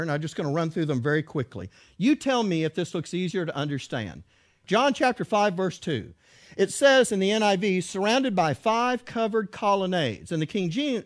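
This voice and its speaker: A man giving a teaching talk with slides, reading verses aloud and asking his listeners rhetorical questions. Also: high voice. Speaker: Bible teacher.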